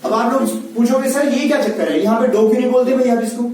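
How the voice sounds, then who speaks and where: A man's voice: very high-pitched, fairly even intonation, quick pace, crowd noise. A man teaching accountancy in a classroom lecture, often checking that students follow. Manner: patient, repeats questions to check understanding. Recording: echoey classroom from far off.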